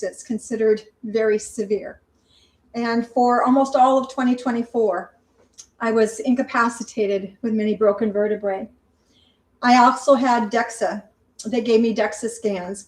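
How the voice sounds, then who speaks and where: High-voiced older woman chatting while cooking. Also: fairly even intonation, moderate pace, rough recording. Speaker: vlogger. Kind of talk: casual cooking vlog. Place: home kitchen.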